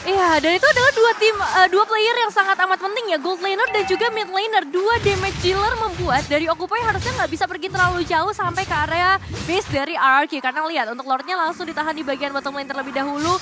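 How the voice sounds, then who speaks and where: A woman's voice: very high voice, quick pace, noisy background. A woman giving live esports commentary on a game match as a caster.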